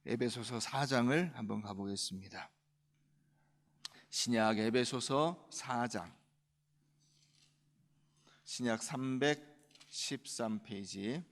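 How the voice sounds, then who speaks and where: A male pastor preaching a sermon emphatically, swinging between loud and quiet. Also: mid-range voice, slow, pauses often, in a large hall.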